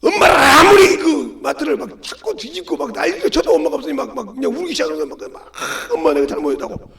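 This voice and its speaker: A man preaching a sermon with shouted peaks and sudden hushed drops, acting out a crying child and God's voice. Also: extremely high pitch, big pitch swings, quick pace, gravelly. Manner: acts out a crying child and God's voice in quoted asides. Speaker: pastor. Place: church sanctuary. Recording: echoey church livestream.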